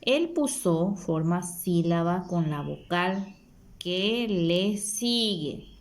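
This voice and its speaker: Slow, low-voiced woman teaching Guaraní. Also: lively intonation. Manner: repeats words slowly, stresses each syllable. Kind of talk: slow, deliberate language lesson.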